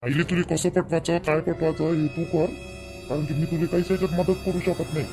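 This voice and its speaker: A man's voice: on the high side, level tone, brisk, music in the background, natural voice. A man playing a stern young husband. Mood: firm. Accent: Marathi, Vidarbha dialect. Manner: lecturing, firm.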